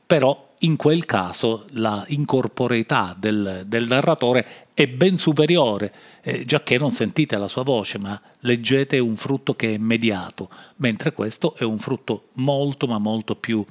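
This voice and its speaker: A man with a nasal voice and a Sicilian accent hosts a solo podcast off the cuff, halting and backtracking as he goes. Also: mid-range voice. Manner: halting, rambling, often backtracking. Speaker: podcast host. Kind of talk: improvised solo podcast monologue. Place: home-made podcast recording.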